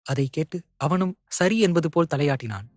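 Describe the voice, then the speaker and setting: A man narrating an audio novel in a steady, measured storytelling manner. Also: on the high side, dry recording, studio quality.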